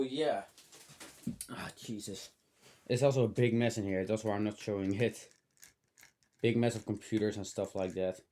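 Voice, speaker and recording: A mid-range, slightly mellow male voice with a bit of dry strain narrates a hobby electronics teardown from a cluttered room at home. The commentary is casual and hands-on, wandering as he thinks aloud, mutters asides and lets out mild exclamations.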